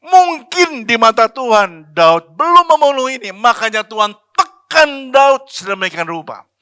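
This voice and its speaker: A man's voice: extremely high pitch, big pitch swings, a little slow, pushed and bright, clear, resonant tone, no echo, studio quality. A man preaching a sermon as pastor, talking in a chatty, slangy way and asking the congregation questions. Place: church.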